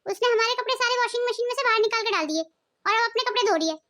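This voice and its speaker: A woman's voice: very high voice, quick pace, bright, forceful tone. A woman voicing a scheming, bossy middle-aged mother-in-law in a cartoon family drama, scolding and dramatic.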